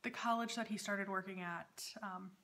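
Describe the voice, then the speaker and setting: Bright-voiced woman chatting casually. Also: medium pitch, fairly even intonation, moderate pace. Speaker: knitting podcast host. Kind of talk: casual chatty vlog talk. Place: dining room at home, indoors.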